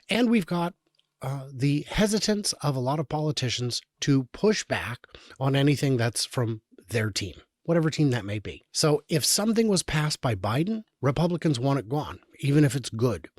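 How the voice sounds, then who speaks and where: A man's voice: medium pitch, no room sound. Sarcastic male commentator, dry close sound. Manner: sarcastic, exasperated commentary with frequent restarts. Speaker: show host. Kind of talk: political commentary reading and reacting to articles.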